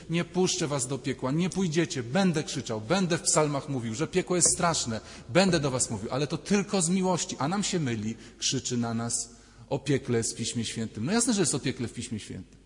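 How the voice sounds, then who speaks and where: A man giving a conversational sermon and acting out quoted voices, recorded in a church. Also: a little high. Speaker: priest. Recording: reverberant church hall.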